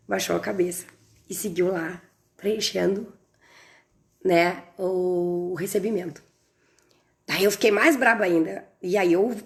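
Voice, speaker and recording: Animated woman, gravelly edge. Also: lowish voice. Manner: animated, acts out dialogue with strong emphasis. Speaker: course instructor on a livestream. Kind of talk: live online class, storytelling.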